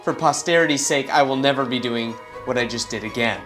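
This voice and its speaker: A vlogger in his twenties chats casually to camera, rambling and self-deprecating, first outdoors in the summer heat and then indoors. His mid-range voice moves fairly quickly, with music playing in the background.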